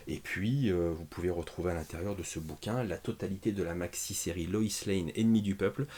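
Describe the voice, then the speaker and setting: A man hosts a laid-back comics review from his small home setup, full of asides, fillers and self-deprecating jokes. His voice sits on the low side with a husky grain. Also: fairly quick, darkish tone. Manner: jokey, self-mocking, lots of fillers and asides. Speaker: comics reviewer, channel host. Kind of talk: casual video review. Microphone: camera mic in small home studio.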